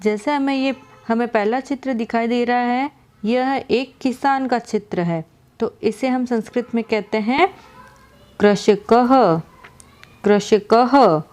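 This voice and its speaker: A woman teacher explaining a lesson slowly, asking questions and repeating each answer. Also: on the high side, a little mellow. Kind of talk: slow classroom explanation.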